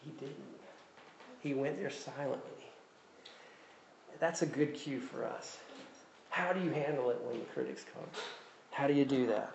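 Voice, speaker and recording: A man's voice: mid-range voice, normal speed, vocal fry, pauses often, slight background noise. A man with a Southern US accent preaching a sermon as pastor, conversational and self-deprecating, repeating his key phrases. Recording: echoey room with faint ambience.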